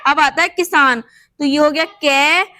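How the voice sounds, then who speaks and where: A woman's voice: high voice, fairly even intonation, a little slow, bright, forceful tone, no room sound. A woman teaching a shorthand class, patiently explaining each step as she writes and checking in with the class as she goes. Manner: patient, repeats steps with "thik hai" checks. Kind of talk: explaining while writing on a board.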